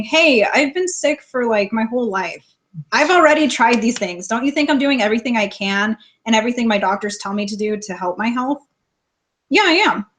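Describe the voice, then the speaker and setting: Young woman, live stream host; plain-spoken, casual Q&A, laughs easily. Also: a little high. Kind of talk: casual live stream chat, reading viewer questions.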